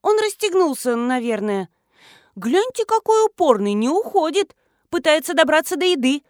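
Eager chirpy woman, voiced by the reader, high and bouncy. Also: big pitch swings, moderate pace, no echo, studio quality. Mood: excited. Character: fussy cheerful woman, doting fake wife.

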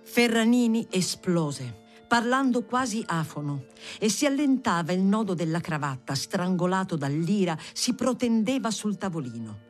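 A reader narrating a novel aloud in a measured, deliberate way. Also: medium pitch, sing-song, faint music behind. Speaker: audiobook reader. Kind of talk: literary audiobook narration.

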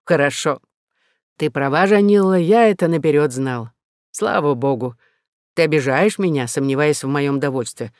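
A man's voice: a little high, normal speed, no room sound, studio quality, lightly acted. Man doing a kindly, sentimental old count. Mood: tender.

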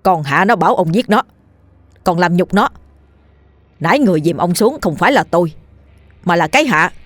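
A woman's voice: on the low side, normal speed, a little mellow, dry recording, close to an everyday voice. A woman voicing a frightened, desperate village man who begs and then turns stern.

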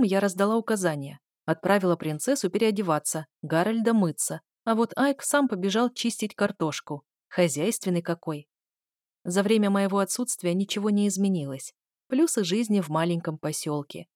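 Lively woman narrating an audiobook. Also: mid-range voice, dry recording, clean studio sound. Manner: lively first-person storytelling with voiced dialogue.

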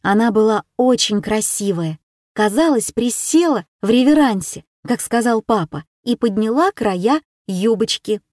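A woman's voice: on the high side, expressive, measured pace, a little mellow, no room sound, studio quality. Woman reading a children's story aloud. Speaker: narrator.

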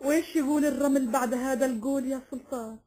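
Actress as anguished noblewoman, slightly high voice. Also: fairly even intonation, quick pace, mellow, lightly acted. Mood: sorrowful. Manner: dramatic, questioning.

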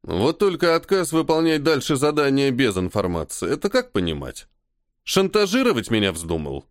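An irritable, commanding army colonel, as a male audiobook reader puts him on, sarcastic and tired of his subordinate. His pitch swings widely between lines, and the voice sits dry and close with no room around it. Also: very animated, normal speed, no echo, close to an everyday voice. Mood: irritated. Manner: sarcastic, commanding, weary sighs. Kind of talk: audiobook character voice.

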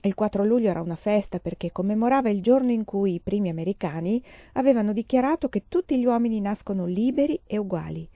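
A woman reading a children's novel aloud in a measured storytelling voice, close to the mic. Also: mid-range voice, expressive, no echo, muffled recording. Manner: measured reading, slowing on narration, brighter for children's lines. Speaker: reader.

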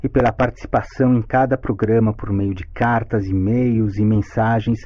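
A man hosting a radio show in a steady, formal announcer's voice, played back from a shortwave radio broadcast. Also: fairly low pitch, moderate pace, muffled recording.

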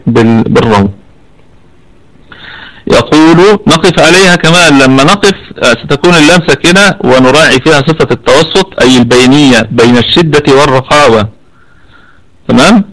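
Egyptian guy teaching tajweed online over a computer mic, patient, stretches out words to demo them, middle pitch. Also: fairly bright tone, low-quality recording. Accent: Egyptian Arabic. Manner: patient, explanatory, repeats words slowly to demonstrate. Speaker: Quran recitation teacher. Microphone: computer mic over an online voice chat.

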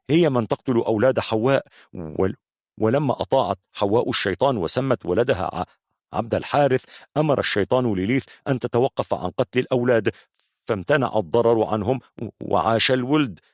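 A man's voice: mid-range voice, dry recording, clean studio sound, natural voice. A man voicing a nervous male storyteller of hidden lore who stammers heavily on his first sounds. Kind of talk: audiobook character voice.

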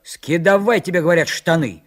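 A man's voice: a little high, fairly quick, pitched above the performer's own voice, lightly acted. A man reading a storybook voices a bossy older boy who barks curt orders. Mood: angry command.

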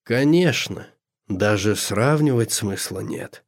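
A man doing a hushed, low-voiced devil. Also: animated, slow pace, no echo, studio quality. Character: devil in human form, male, wry.

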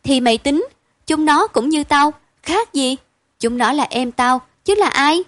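Woman doing a stoic village girl, eldest sister, matter-of-fact, high-pitched, dry studio sound. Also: no echo, close to an everyday voice. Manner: brisk, blunt and matter-of-fact.

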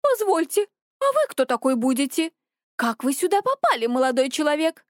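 A woman's voice: high-pitched, normal speed, a little mellow, no echo, clean studio sound, natural voice. A woman voicing a fussy, fretful little official who wails and frets breathlessly. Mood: flustered wailing. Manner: wailing, breathless, flustered.

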